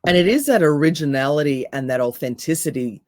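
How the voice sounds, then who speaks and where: Aussie woman coach, deep raspy voice, punchy and emphatic, mellow tone, dry mic. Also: animated, quick pace, dry recording. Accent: Australian. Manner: emphatic, punchy rhetorical questions. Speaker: NLP coach and hypnotherapist, guest. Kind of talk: podcast interview.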